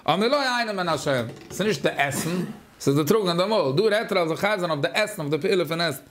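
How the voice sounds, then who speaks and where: A man with a Yiddish accent leads a Talmud class, speaking haltingly, repeating words, and leaning on many fillers. His voice is high and a bit bright.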